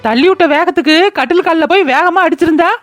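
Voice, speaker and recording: A woman's voice: extremely high pitch, fast, dry recording, faint music behind. A woman voicing a bitter old village mother-in-law who wails and curses, in a cartoon. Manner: wailing, cursing laments. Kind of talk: cartoon voice acting.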